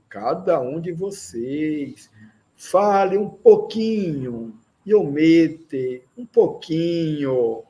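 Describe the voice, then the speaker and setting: Male language teacher, slow and patient delivery with a darker tone, repeats phrases for students. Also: a little high, mellow. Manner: slow, patient, with frequent "né?" checks; repeats phrases slowly for learners. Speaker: Esperanto teacher. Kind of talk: language lesson, explaining grammar.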